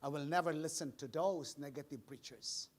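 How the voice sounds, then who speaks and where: A man's voice: on the high side, moderate pace. A man preaching a live church sermon, telling stories in a playful way and laughing often. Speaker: pastor.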